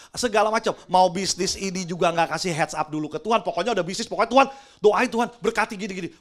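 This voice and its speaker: Middle-aged male preacher, high voice; chatty church sermon that mixes in English words and keeps asking the congregation for agreement. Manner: keeps asking the audience "right or not?"; chatty, drops English words into his talk. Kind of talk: lively youth sermon. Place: church with a congregation, also livestreamed.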